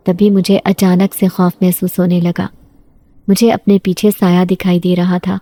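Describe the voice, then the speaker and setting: A woman narrating a scripted first-person horror story in a steady storytelling voice, close to the mic. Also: medium pitch, no room sound.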